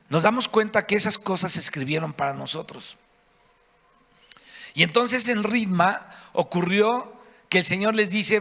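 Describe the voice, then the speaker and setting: A Mexican-accented man preaches a sermon, retelling the story with lively, acted-out quotes. His voice is high for a man and bright, with a gravelly rasp. It rings out in a reverberant church hall. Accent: Mexican Spanish.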